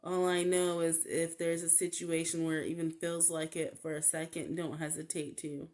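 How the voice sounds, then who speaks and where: A woman giving a casual tarot reading, talking in a halting way with many fillers. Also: low-pitched, level tone, a little mellow. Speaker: tarot reader.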